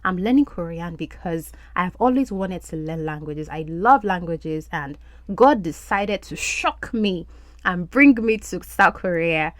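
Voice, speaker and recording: Speaking with a fairly low pitch and at a slightly slow pace, this woman, whose native tongue is Yoruba, coaches English on her podcast. She sounds like an animated, encouraging teacher, and there's no echo on the track.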